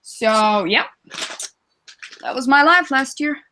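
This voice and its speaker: A young woman with a high, bright voice chats as a podcast guest. She speaks slowly and playfully, with frequent giggles. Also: slight background noise. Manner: giggly, playful, slow-spoken. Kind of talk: casual chat.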